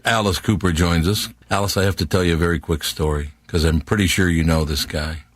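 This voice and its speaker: A man hosting a radio interview, chatty and quick with his exclamations and reactions. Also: low-pitched, fairly even intonation, no echo, clean studio sound. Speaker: radio host.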